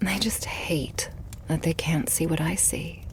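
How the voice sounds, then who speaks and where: A woman with a deep voice plays an adoring vampire girlfriend, devoted, possessive, and murderous, in an intimate ASMR roleplay. She speaks slowly and breathily, slipping into whispers near the microphone, and the recording is rough.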